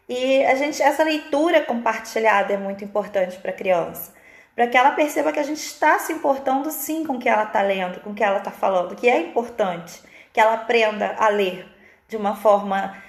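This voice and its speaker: A woman's voice: a little high, reverberant. A Brazilian woman teacher giving a live online lesson, explaining at length and often ending her points with a questioning tag. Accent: Brazilian Portuguese. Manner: explanatory, frequent "né?" tags.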